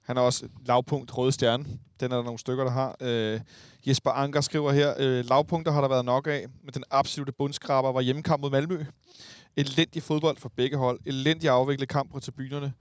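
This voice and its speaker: Hesitant Danish podcast host. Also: male voice, medium pitch, fairly even intonation, no echo. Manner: hesitant, many fillers. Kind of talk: podcast chat, reading listener messages.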